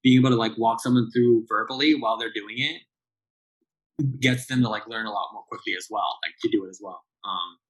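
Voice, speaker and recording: Here the barista guest, a Southern Californian man in his late thirties, sounds fairly low and steady, speaking briskly. The recording is muffled, and his casual interview talk wanders, loaded with fillers and restarts.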